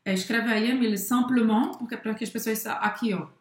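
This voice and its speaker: A woman's voice: on the high side, fairly even intonation, fast, roomy sound. A woman from northeastern Brazil teaching a casual French lesson, patiently explaining pronunciation.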